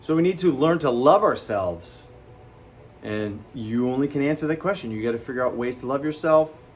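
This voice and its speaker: A man hosting a motivational talk to camera, speaking animatedly and jumping up in pitch for emphasis, acting out quoted people. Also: moderate pace, a little hiss or hum. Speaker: host.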